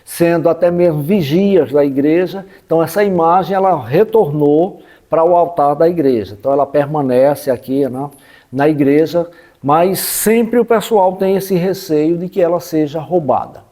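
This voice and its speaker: Explaining local history off the cuff, a man with a Northeastern Brazilian accent from the backlands of Sergipe adopts a didactic tone and checks in with his audience often. His voice is a little high and dark in tone, delivered at normal speed.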